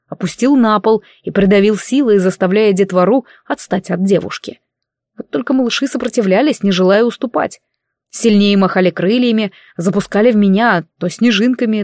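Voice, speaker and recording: A woman reading a fantasy novel aloud as an audiobook narrator in steady storytelling. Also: mid-range voice, no room sound, studio quality. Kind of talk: scripted narration.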